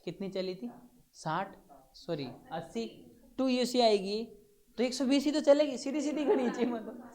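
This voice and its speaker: A man's voice: extremely high pitch, a little slow, warm tone. A man teaches physics to a classroom. He questions his students step by step as he works through the problem, keeping the lesson moving. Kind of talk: classroom lecture.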